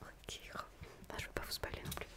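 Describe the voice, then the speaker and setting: Whispering woman in a soothing role-play. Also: moderate pace. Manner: hushed library-like whisper, repeating phrases soothingly. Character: quirky, gentle female book physiotherapist attending a patient. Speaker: ASMR performer playing a book therapist.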